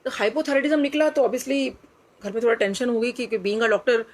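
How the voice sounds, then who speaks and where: A woman's voice: on the high side, fairly even intonation, normal speed. A middle-aged woman, earnestly sharing a personal devotional story and slipping English phrases into her speech. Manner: earnest, reflective, drops into quoted dialogue, mixes in English phrases.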